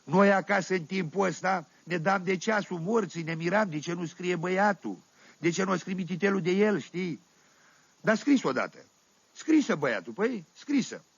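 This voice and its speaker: Un actor care interpretează un sătean oltean de vârstă mijlocie, povestind glumeț și fără șir, cu accent oltenesc, într-o comedie radiofonică. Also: male voice, sits high, animated, slightly rough, no echo, exaggerated voice. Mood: amused, rambling. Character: folksy Oltenian village man telling tales. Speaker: storyteller. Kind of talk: 1970s radio comedy monologue. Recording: dull dry 1978 vinyl radio recording.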